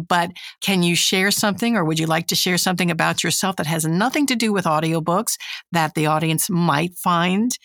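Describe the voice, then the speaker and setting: A woman hosting a podcast, chatty and quick to laugh as she asks her guest questions. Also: fairly low pitch, vocal fry, fairly bright tone, dry recording, studio quality. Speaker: podcast host. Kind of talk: casual interview chat.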